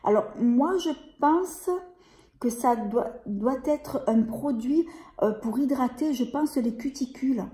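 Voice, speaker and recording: A woman's voice: high-pitched, takes it slowly, dark tone. A woman vlogging a beauty unboxing in a casual, hesitant way, full of fillers and restarts. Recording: echoey room.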